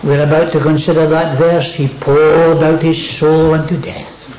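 A man's voice: a little high, level tone, measured pace, darkish tone, a little hiss or hum. Emphatic preacher man, echoey lo-fi recording. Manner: dwells on words with emphatic repetition. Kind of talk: sermon.

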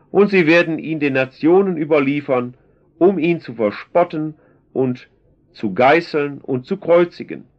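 A man voicing a calm, authoritative male teacher in a solemn, measured scripture reading. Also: a little high. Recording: dull lo-fi recording.

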